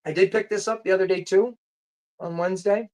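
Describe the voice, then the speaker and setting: Answering comments during a casual livestream, the host rambles and meanders, pausing to search aloud for a title or name. The mid-range voice has a darkish tone and fairly even intonation.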